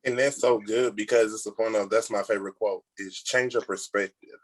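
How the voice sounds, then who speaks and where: A man's voice: on the low side, fairly even intonation, a little fast, no room sound. A man hosting a casual podcast chat, talking earnestly and acting out little example dialogues. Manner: earnest, explains with acted-out examples.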